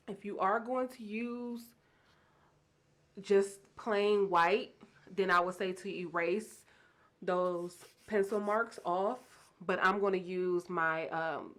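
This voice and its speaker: A woman casually explaining a craft project step by step, chatty and excited about her materials. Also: lowish voice. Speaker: craft tutorial host. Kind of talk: casual DIY how-to narration.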